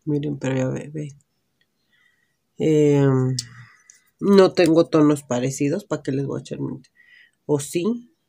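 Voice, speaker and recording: Deep and warm with vocal fry, her voice moves unhurriedly and she pauses often. The speaker, a Mexican-accented beauty vlogger, casually tries on lipsticks at home in natural light while thinking out loud.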